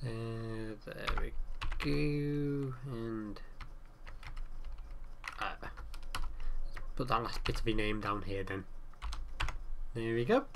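Very slow and pausing often, a gaming channel host speaks in a steady, mid-range voice made stuffed and nasal by a cold. He chats casually, jokes at himself and reacts aloud as he plays, while game sounds and keyboard noise run behind.

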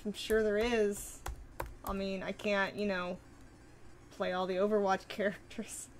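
A woman's voice: medium pitch, level tone, unhurried, a little hiss or hum. Bubbly streamer woman chatting with viewers. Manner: bubbly, swears freely, laughs often. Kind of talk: casual live-stream chat, reading viewer comments.

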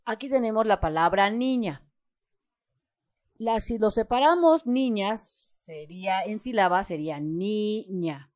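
A woman with a Mexican Spanish accent walks through a schoolbook exercise one step at a time, patiently stressing syllables as she reads out example words. Her medium-pitched voice has lively intonation and a darkish tone, her pace is a little slow, and there is no echo.

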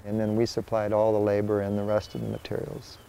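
An older man, an organic farmer, explaining his work in a documentary interview in a measured way, pausing now and then to find his words. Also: lowish voice, completely flat delivery, dark tone, smooth.

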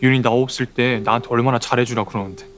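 A man's voice: mid-range voice, fairly even intonation, quick pace, a bit bright, slight background noise, natural voice. An actor playing a young athlete defending himself to his girlfriend in a web drama; he sounds defensive and exasperated. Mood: defensive, pleading. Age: young adult.

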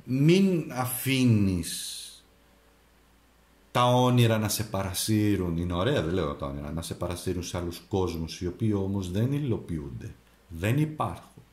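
Animated man giving a tarot reading. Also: sits low. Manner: animated, addresses the viewer directly, gives advice. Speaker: tarot reader and astrologer. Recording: echoey room.

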